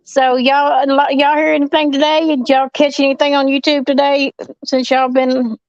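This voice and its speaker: A woman's voice: high voice, little pitch movement, moderate pace, no echo, lo-fi sound. Blunt drawling Southern woman. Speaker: host. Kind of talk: casual livestream chat.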